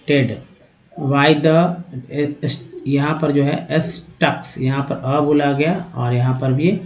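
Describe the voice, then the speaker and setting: A man's voice: medium pitch, a little mellow, a little hiss or hum. A man teaching English pronunciation to beginners, patiently explaining step by step and addressing listeners as friends. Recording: roomy, dull lo-fi sound.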